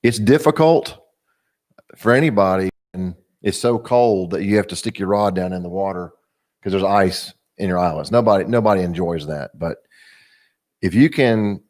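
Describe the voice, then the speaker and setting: A man, a guest talking calmly about fishing in a casual chat. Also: low voice, moderate pace. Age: 50s.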